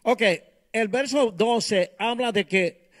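A man with a high-pitched voice preaches to his listeners. He speaks in short, emphatic phrases, leaves pauses for an interpreter, and often checks that people follow. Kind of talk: live bilingual sermon and prayer, pausing for an interpreter.

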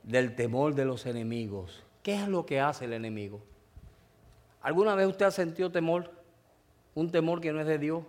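A man's voice: on the high side, moderate pace, pauses often, a little mellow. A man preaching a sermon, telling a personal story and calling out to the congregation for an amen. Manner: emotional storytelling, calls out to the congregation.

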